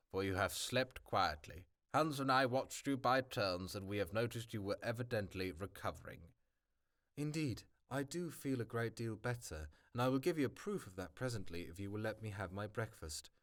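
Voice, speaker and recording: A man reading aloud as a brisk, cheerful older male professor, stumbling over words now and then. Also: lowish voice, fairly bright tone. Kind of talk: amateur audiobook reading.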